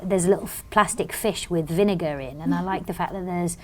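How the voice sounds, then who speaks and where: A British woman, a magazine editor, chatting as a guest in a lively interview, bubbly and full of quick restarts. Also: on the low side, a little hiss or hum. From Britain. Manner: bubbly, tumbling storyteller with many restarts.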